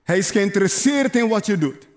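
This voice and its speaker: Speaking a little fast and with animation, a high-voiced pastor drives his sermon forward through repetition. He urges the congregation, calls out to them and mixes in playful asides.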